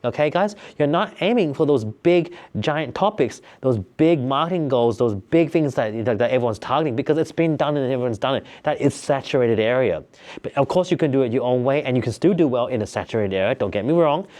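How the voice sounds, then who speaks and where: A man talking casually to camera, coaching viewers on business ideas in an energetic, repetitive way. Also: mid-range voice, a little fast. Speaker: business tips vlogger. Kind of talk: casual motivational talk to camera.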